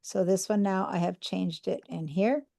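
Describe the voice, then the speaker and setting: A woman from Argentina demonstrates in a live online computer class, her mid-range voice mellow with vocal fry, at a moderate pace. Patient and methodical, she explains step by step, uses fillers, and checks how students are doing.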